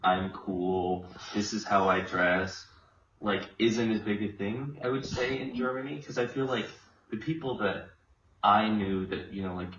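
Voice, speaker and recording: Low-voiced young man, roomy and distant. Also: unhurried, a bit bright. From Los Angeles, USA. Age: young adult. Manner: rambling, many likes and restarts. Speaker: interviewed student. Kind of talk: casual chat. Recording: roomy, distant, dull, faint noise.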